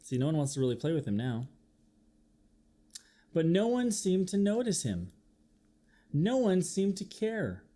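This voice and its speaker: A man reads a children's picture book aloud with a fairly high voice, a measured pace and long pauses, much like a teacher. He's expressive throughout, acting out sound effects and asking his young listeners questions.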